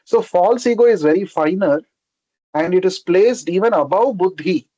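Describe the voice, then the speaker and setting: A spiritual teacher from South India with a Telugu accent gives an explanatory scripture class, repeating key terms and checking in with short questions. His high, mellow voice is animated and moderately paced, recorded with no room sound but dull lo-fi quality.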